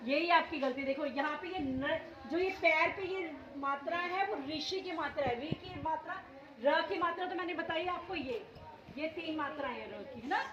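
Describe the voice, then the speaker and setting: High-voiced woman teacher in echoey classroom. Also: moderate pace, a crowd in the background. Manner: questioning, corrective, repeats words for the class. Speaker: primary school teacher. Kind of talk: classroom Hindi lesson. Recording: dull echoey classroom with children. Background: children in class.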